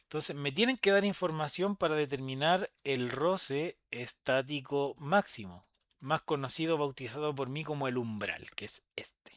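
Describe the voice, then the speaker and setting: A young Chilean man teaching a physics lesson, his voice sitting a little high for a man. He talks in a lively, chatty way and throws in quick asides as he explains. The sound is dry and close, with almost no room around it. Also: no echo. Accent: Chilean Spanish. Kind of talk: recorded online class lecture.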